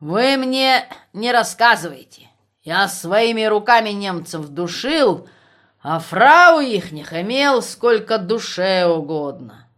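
A woman voicing a drunk, boastful male army officer who talks loudly and blusters. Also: medium pitch, expressive, slow. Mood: drunk, aggressive. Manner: loud, blustering, slurred bragging.

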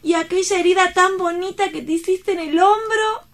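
A very high, fairly bright voice at normal speed belongs to a woman performing in an audio drama. Theatrically, she portrays an exuberant young woman in love, playful, effusive, exclaiming often, with a gushing mood throughout.

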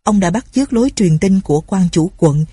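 A woman narrating a story in a steady, unhurried way. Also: mid-range voice, slightly rough, dry recording, studio quality.

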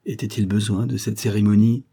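A man reading the lines of a young woman, a tender and frightened daughter, in a pleading, softly emotional way. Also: lowish voice, level tone, brisk, creaky, breathy edge. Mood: tender, anxious.

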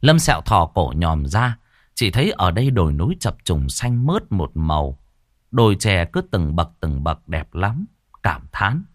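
A man's voice: low-pitched, very animated, normal speed, no room sound, clean studio sound. A man narrating a story expressively. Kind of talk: audiobook narration.

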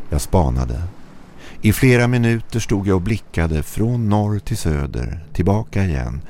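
A man's voice: deep voice, dark tone, a little hiss or hum. A man narrating a first-person horror story in short, tense, clipped phrases.

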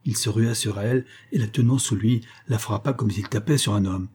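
A man narrating a classic novel as an audiobook in a measured, expressive storytelling manner. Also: lowish voice, husky.

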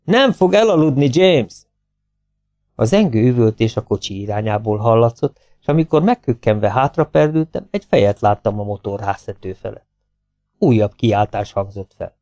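A man narrating an audiobook in a calm, even storytelling manner. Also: on the low side. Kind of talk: scripted narration.

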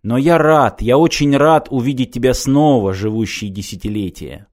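A man voicing an old, pregnant male alien who speaks slowly and softly in an audiobook. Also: medium pitch, natural voice. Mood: gentle. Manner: slow, soft-spoken.

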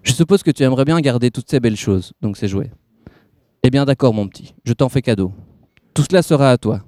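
A chilly, smooth-talking man in grey pushes and coaxes in a sweet but icy tone, as a man reading a novel aloud puts him on. The voice is dark and mellow. The sound is dry and close. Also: mid-range voice, animated, a little fast, no echo, close to an everyday voice. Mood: coaxing. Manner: persuasive, pushy, icy under a sweet tone.

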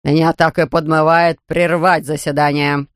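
A reader voicing a stern, pompous older male judge who speaks slowly and gruffly. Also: mid-range voice, flat delivery, a bit bright, no echo, studio quality, natural voice. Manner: slow, gruff, barking.

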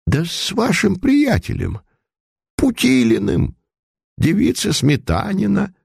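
A man's voice: high voice, huge pitch swings, slow pace, gravelly, darkish tone, breathy edge, no echo, clean studio sound, voice pushed up, full character voice. A man voicing an elderly, frightened priest who stammers and speaks with deferential, trembling politeness. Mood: trembling confusion.

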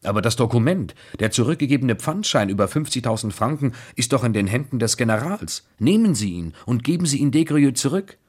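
A man's voice: medium pitch, animated, a little fast, hardly any pauses, darkish tone, husky, pitched above the performer's own voice. Man reading as a bitter proud young woman. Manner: bitter, agitated speech.

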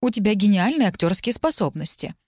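A woman reading the lines of a calm, cold young woman student in an audiobook, in a composed and slightly mocking way. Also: mid-range voice, brisk, no room sound, clean studio sound. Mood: coolly mocking. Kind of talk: audiobook dialogue.

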